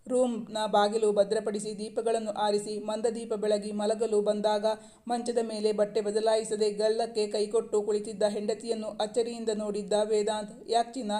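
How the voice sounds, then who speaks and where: A woman narrates a romance novel as an audiobook. She reads steadily in a mellow tone. Her pitch stays flat from line to line. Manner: steady, measured reading. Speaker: story narrator.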